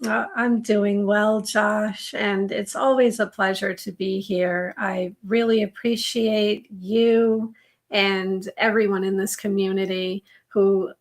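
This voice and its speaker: Unhurried lady tarot reader chatting on a stream, medium pitch, slightly worn voice. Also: vocal fry. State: slightly losing her voice. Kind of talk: casual live-stream talk.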